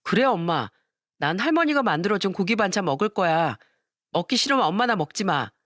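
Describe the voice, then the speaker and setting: A woman's voice: mid-range voice, sing-song, a little fast, fairly bright tone, no room sound. An earnest young granddaughter, put on by a woman narrator in a radio-style story. She pleads and stands up for her grandmother in a slightly raised voice. The recording is dry. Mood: indignant.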